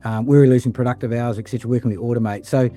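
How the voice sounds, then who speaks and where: A man's voice: mid-range voice, steady tone, racing, warm tone, soft background music. A man speaking as a panelist in a casual, list-heavy way, with many fillers. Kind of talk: panel discussion.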